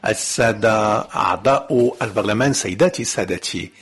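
A man giving a live interpretation of ceremony speeches. He speaks haltingly, cutting off words and restarting often. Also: fairly low pitch, a bit bright, husky. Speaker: simultaneous interpreter.

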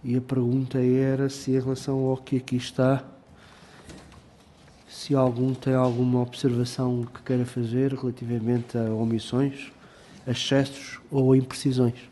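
A man with a European Portuguese accent chairs a formal meeting, speaking in halting, formal phrases full of filler sounds and restarts. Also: mid-range voice, completely flat delivery, mellow, slight background noise.

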